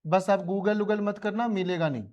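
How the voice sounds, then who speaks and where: A man's voice: sits high, moderate pace, darkish tone, dull audio. A male physics teacher with an Indian accent, giving a colloquial classroom revision lecture and pressing his students with repeated questions.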